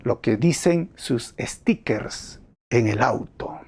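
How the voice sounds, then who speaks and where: A man's voice: medium pitch, animated, takes it slowly, darkish tone, slightly rough, pitched below the performer's own voice. A man voicing a stern male traffic policeman who scolds a driver, in a dry tone, inside a sermon story. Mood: scolding.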